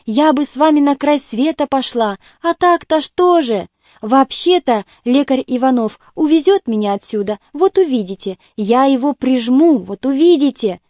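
A woman voicing an agitated, tearful young hostess who talks in a shrill, excited way. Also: normal speed, no echo, studio quality.

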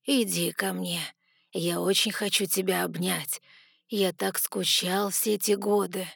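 A woman voicing a father who coaxes gently and then turns cold. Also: fairly low pitch, steady tone, vocal fry, slightly rough, dry recording, studio quality, exaggerated voice. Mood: coaxing. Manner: slow, soft, coaxing.

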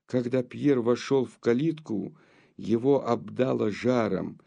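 A man narrating a classic novel as an audiobook in a slow, measured storytelling manner. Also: medium pitch, creaky, warm tone, dull audio.

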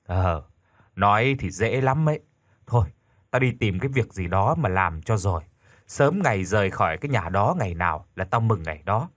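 A man's voice: lowish voice, animated, normal speed, a bit bright, dry recording, studio quality. A man voicing a tired young man who speaks reluctantly and bitterly. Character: weary young man from a broken home.

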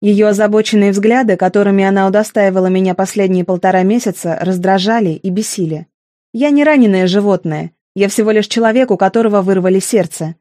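A woman's voice: medium pitch, brisk, warm tone, no echo, studio quality. A woman narrating a first-person audiobook in an intimate, emotional manner.

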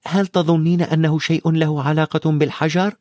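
A man voicing an anxious, bookish schoolgirl, high and insistent, in a storybook reading. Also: little pitch movement, fairly quick, darkish tone, dry recording, studio quality, close to an everyday voice.

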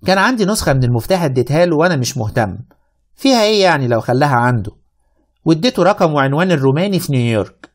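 A man's voice: a little high, very fast. Wry Egyptian male radio-drama narrator. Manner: wry, lively storytelling.

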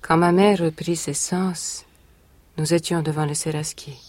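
An actress in a 1980s radio drama playing a young woman who was once a captive, telling her story in a measured, solemn way. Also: low-pitched, fairly even intonation, a little mellow. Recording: vintage radio recording.

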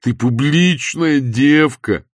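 A man voicing a pompous, self-pitying middle-aged husband who whines in a slow theatrical drawl. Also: lowish voice, breathy edge, no echo, studio quality. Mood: whining drawl.

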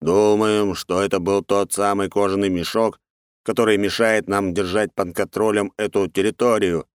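A man voicing a large, deferential male insect herald reporting to his queen, with a smooth voice. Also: lowish voice, fairly even intonation, normal speed, no echo, studio quality, lightly acted.

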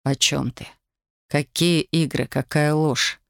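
Female narrator doing a brooding young guy, low and curt, audiobook. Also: fairly even intonation, takes it slowly, gravelly, no room sound, clean studio sound, full character voice. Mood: pleading. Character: young man, defensive and brooding.

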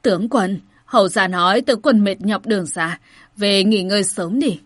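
A woman voicing a nimble old male steward who explains things quietly and patiently. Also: medium pitch, moderate pace, no echo, studio quality, close to an everyday voice. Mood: placating.

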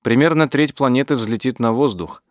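A man voicing a calm, firm mother. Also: medium pitch, moderate pace, dry recording, studio quality, close to an everyday voice. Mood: quiet, firm.

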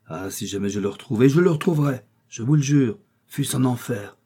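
An eager, hot-blooded young Gascon pours out passionate, emphatic lines, as a male narrator puts him on. The tone is dark and husky, read as an audiobook character. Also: medium pitch, lively intonation, brisk. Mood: vengeful.

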